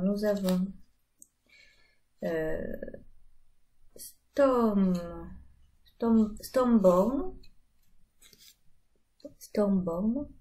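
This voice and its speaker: A woman's voice: mid-range voice, mellow. A woman in her thirties, chatting casually about her knitting with many fillers. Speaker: knitting vlogger. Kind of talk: casual chat.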